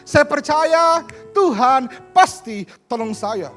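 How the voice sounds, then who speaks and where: A man voicing a stubborn old village grandfather, praying through a flood in a shrill, drawn-out, tearful voice. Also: expressive, a bit bright, big-room sound, faint music behind, full character voice. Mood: dismissive.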